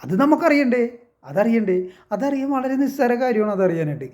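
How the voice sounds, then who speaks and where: A man's voice: extremely high pitch, big pitch swings, normal speed, a little mellow. A man talking casually to his viewers in a long monologue, telling a story and asking again and again whether they understand. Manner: rhetorical, keeps asking if listeners understand; storytelling, poses and answers his own questions. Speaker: online commentator.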